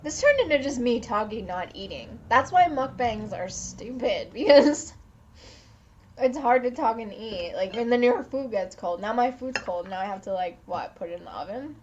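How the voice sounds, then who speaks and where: A young woman with a slightly high voice tells a casual story straight to her viewers. She rambles, breaks off mid-sentence and laughs as she goes. The home recording sounds a little dull and lo-fi. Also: lively intonation, normal speed, a little mellow, slight background noise. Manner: rambling, self-interrupting, laughs often. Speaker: vlogger.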